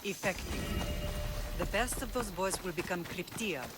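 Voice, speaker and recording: A woman's voice: lowish voice, normal speed, very noisy, natural voice. An actress playing a stern, protective middle-aged Spartan mother who speaks in a firm, instructive way.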